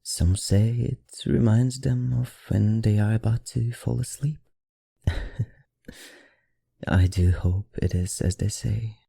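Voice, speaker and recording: A performer voices a seductive, teasing vampire librarian in an ASMR roleplay, using a put-on foreign accent and a breathy, husky voice that often drops to a whisper. The speech is slow, soothing, and formal, at medium pitch with fairly even intonation and a mellow, heavily acted, hypnotic quality. There is no room sound.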